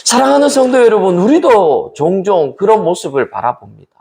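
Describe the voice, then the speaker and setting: A male pastor from South Korea giving a Bible study sermon and speaking directly to his congregation in a lively preaching manner. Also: sits high, fairly quick, vocal fry.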